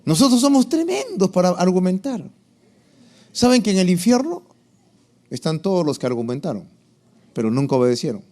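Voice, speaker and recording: A man's voice: sits high, big pitch swings, moderate pace, pauses often, warm tone. A male preacher teaching a sermon lesson, asking the congregation questions and acting out quotes.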